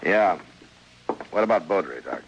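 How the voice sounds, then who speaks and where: A stern, weary, dutiful frontier marshal and loyal friend speaks in a rock-bottom voice, terse yet expressive and unhurried, wry and firm, grave and plain-spoken. It's old-time radio western drama acting, captured on a noisy, dull old recording with slight vintage hiss.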